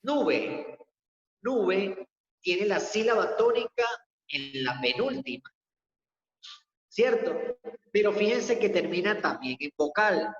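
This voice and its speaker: Male teacher, online class, slow methodical delivery, dull boomy reverb. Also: very animated. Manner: slow, methodical step-by-step explaining. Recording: echoey dull lo-fi room audio.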